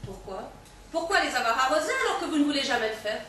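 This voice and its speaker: A woman's voice: high voice, animated, fast, pushed and bright, recorded from a distance. An actress playing a stern, pious mother superior who speaks formally and solemnly. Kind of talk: stage comedy acting. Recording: echoey stage heard from afar, faint noise.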